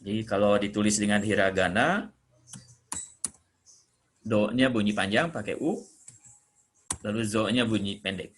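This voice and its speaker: A man from Indonesia teaching Japanese greetings, patiently explaining and slowly repeating each phrase. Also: on the low side, steady tone. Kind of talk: classroom explanation.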